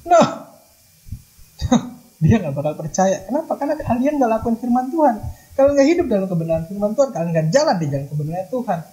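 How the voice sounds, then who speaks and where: A man's voice: high-pitched, very animated, fast talker, warm tone, poor audio. A young man from Manado preaching a casual, slangy youth sermon in an online church service, mixing in English phrases. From Manado, Indonesia.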